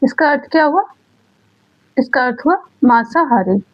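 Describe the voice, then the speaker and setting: Female teacher, high voice, exam-prep lesson; poses then answers her own questions, muffled lo-fi audio. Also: animated. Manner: repeats key words slowly. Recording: dull lo-fi sound.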